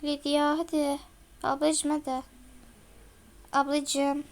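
A woman's voice: high-pitched, little pitch movement, takes it slowly. A woman voicing an impatient older sister in a role-play game, nagging her sibling. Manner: nagging, coaxing.

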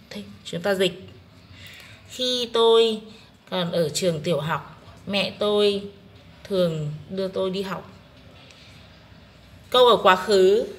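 Female teacher, Vietnamese accent, unhurried and methodical, mid pitch. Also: slight background noise. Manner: slow, methodical explaining. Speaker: English teacher. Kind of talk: exam-prep lesson walkthrough.

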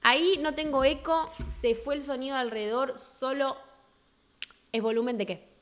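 A woman's voice: high-pitched, steady tone, moderate pace, a bit bright. A young woman with an Argentine Rioplatense accent, chatting frankly with viewers on a live stream and greeting them by name. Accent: Argentine Rioplatense Spanish. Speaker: livestream host. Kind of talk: casual live-stream chat.

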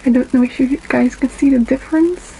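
A Dutch woman in her twenties, Dutch being her first language and audible in her accent, films a makeup tutorial on a webcam in front of her in a small bedroom. She's an unhurried beauty vlogger who pauses with frequent ums as she applies makeup. Her high, gravelly voice competes with loud music in a low-quality recording.

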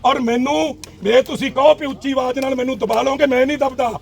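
A man's voice: very high voice, fairly even intonation, fairly quick, gravelly. A man with a Punjabi accent, a politician and lawyer, insistently accusing an officer in a heated street argument at an outdoor protest. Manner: insistent, repeats challenges, accusing.

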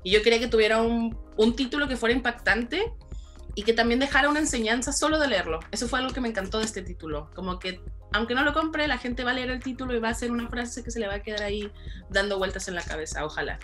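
A woman author answering interview questions in an earnest, animated way, laughing easily as she talks. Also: on the high side, fast talker, soft background music. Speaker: author guest.

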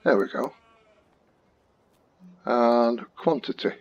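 A man talks through his game in a loose, chatty, joking way. His voice is slightly husky. The home mic sounds dull and lo-fi. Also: mid-range voice, slow pace. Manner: chatty, jokey, relaxed. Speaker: gaming channel host. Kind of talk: casual game commentary.

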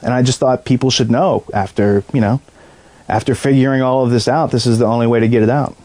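Man, interview guest, run-on explanations, mellow. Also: mid-range voice, steady tone, fast. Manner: long run-on explanations with repeated restarts. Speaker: whistleblower interviewee. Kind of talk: earnest interview answers.

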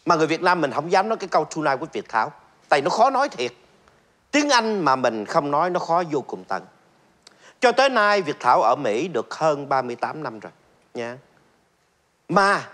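A man's voice: on the high side, very animated, normal speed, long pauses, a bit bright. A middle-aged man, hosting a talk show in a chatty, joking way full of fillers and repeats. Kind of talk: casual stand-up style monologue.

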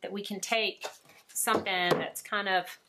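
A woman's voice: mid-range voice, steady tone, measured pace, background noise. A woman from Alabama with a mild Southern accent, an art teacher chatting casually and laughing often as she paints. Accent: Southern American. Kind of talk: casual chat while painting.

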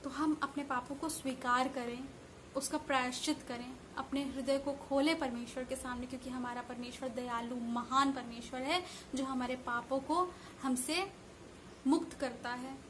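A woman's voice: sits high, fairly even intonation, moderate pace, fairly bright tone, a little hiss or hum. A young woman from India sharing a devotional Bible reflection in an earnest, preaching way, recorded indoors on a close camera. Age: young adult. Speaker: parish member sharing a Bible message. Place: room indoors with curtains and flowers.

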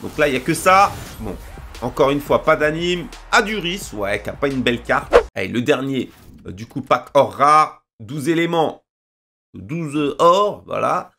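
A young man commenting as he opens packs in a game, often shouting and repeating names in excitement. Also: medium pitch, unhurried, gravelly, over music. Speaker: gaming video creator. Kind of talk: excited pack-opening commentary.

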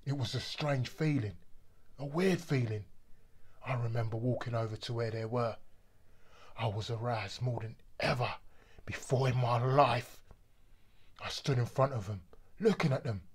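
A brooding pub bouncer, acted by a middle-aged man, delivers a dramatic stage monologue. His voice is husky and mid-pitched. He takes his time over each phrase, with violent anger simmering underneath. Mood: tense, haunted. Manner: deliberate bouncer's storytelling, breaking into shouts.

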